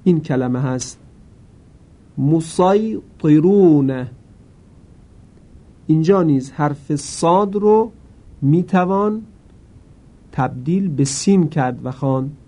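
A man teaching Quran reading in a careful, slow way, now and then chanting a word slowly. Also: animated, husky. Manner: chants the words slowly, louder and higher. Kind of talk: lesson.

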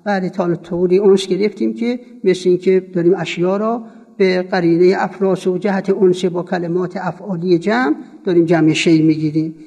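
High gravelly man teaching in a hall. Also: fairly even intonation, mellow. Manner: quizzes students with quick questions and repeats forms for them. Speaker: seminary teacher. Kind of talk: classroom lecture on Arabic grammar. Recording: long reverb from a hall.

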